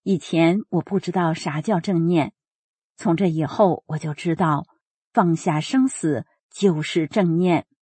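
Husky woman reading a personal account. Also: fairly low pitch, unhurried, dry recording. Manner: steady, earnest storytelling with quoted dialogue. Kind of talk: first-person narration read aloud.

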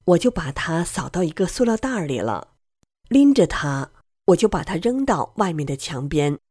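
A woman's voice: lowish voice, big pitch swings, normal speed, mellow, husky, no echo, clean studio sound. A woman telling her own story in a plain first-person way, acting out the lines she quotes.

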